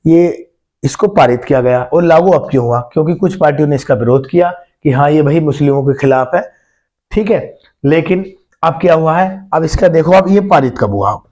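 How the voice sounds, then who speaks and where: A man's voice: a little high, moderate pace, a little mellow. A man giving an exam-prep lesson, asking the listeners questions and repeating key points, calling them brother and friends. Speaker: teacher.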